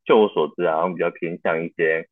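A man hosting a casual interview, relaxed and laughing often, asking follow-up questions. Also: sits low, fast, no room sound. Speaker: host. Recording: dry phone-like line.

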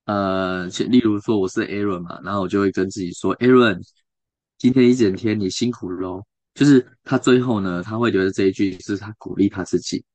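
A radio host, a man with a Taiwanese Mandarin accent, talks through a book in a loose, chatty way. His voice sits low, and he keeps turning to his listeners with questions between fillers and restarts. The sound is close and dry, with no room around it. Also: darkish tone, no echo. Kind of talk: casual book talk to listeners.

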